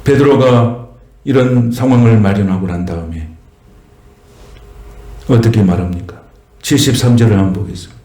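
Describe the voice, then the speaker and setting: A man with a Jeolla Korean accent preaching a sermon as a pastor, swelling higher and slower on key phrases. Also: mellow. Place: church sanctuary. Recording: echoey church room.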